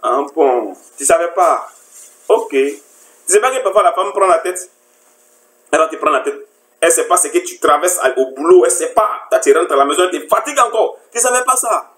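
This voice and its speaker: A woman's voice: lowish voice, expressive, brisk. A woman relationship coach delivers a lecturing monologue. She keeps mocking her listeners with the same rhetorical question. Her voice rings with a roomy echo. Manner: mocking, rhetorical, repeats "you didn't know that".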